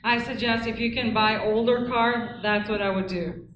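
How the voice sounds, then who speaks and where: A woman with a slightly high voice gives direct, firm answers to audience questions. She is recorded in an echoey meeting hall with an audience murmuring around her. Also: steady tone, moderate pace, a crowd in the background. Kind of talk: public Q&A answers.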